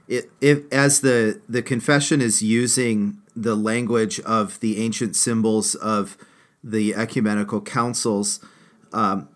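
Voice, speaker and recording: A man hosting a theology discussion, asking the panelists questions in a halting way with fillers. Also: fairly low pitch, a bit bright. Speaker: host.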